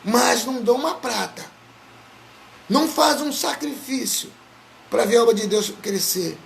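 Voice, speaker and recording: A male pastor preaching a sermon with impassioned delivery that builds to shouting. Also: very high voice, lively intonation, measured pace, vocal fry, slight background noise.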